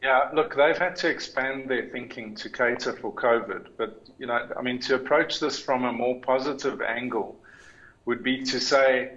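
A man, speaking from an office as an insurance expert, relaxed and conversational. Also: medium pitch, moderate pace. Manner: relaxed, conversational, repeats words when restarting. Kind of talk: panel interview answers. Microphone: video call. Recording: slightly muffled video call audio.

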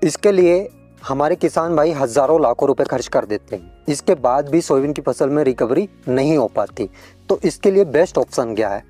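A man's voice: a little high, animated, moderate pace, dark tone, faint music behind. A man hosting a farming advice channel, explaining crop care to farmers in a friendly tutorial way, often addressing them as friends.

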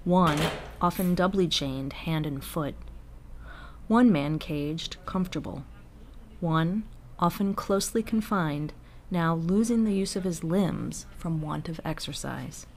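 A woman giving a slow, grave reading of historical quotations. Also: sits low, a little mellow, slight background noise. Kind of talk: scripted reading of historical quotes.

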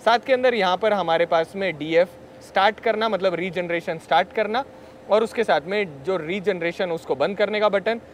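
Outdoors at an expo, a vehicle reviewer gives a chatty walkaround, talking to his viewers as if they were friends. His voice is high and his pace moderate, with slight background noise.

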